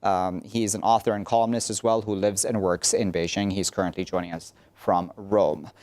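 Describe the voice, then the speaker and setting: Male news host, low-pitched, steering a panel, hesitant with fillers. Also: fairly even intonation, moderate pace, darkish tone. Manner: hesitant, many fillers and restarts. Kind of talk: moderating a panel discussion.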